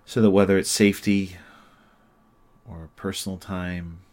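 Deep, flat-voiced male hypnotist. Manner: slow, soothing and repetitive. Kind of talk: guided sleep hypnosis.

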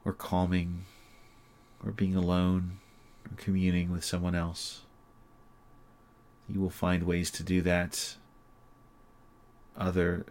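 A man guiding a listener through sleep hypnosis, speaking in a slow, soothing, repetitive way. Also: deep voice, completely flat delivery, darkish tone.

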